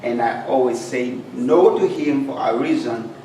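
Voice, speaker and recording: A man's voice: mid-range voice, unhurried, mellow. A man from Uganda, a guest speaker telling his life story in an earnest, plain-spoken way. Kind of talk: personal life story talk. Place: club meeting room. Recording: echoey hall, far from mic, noisy.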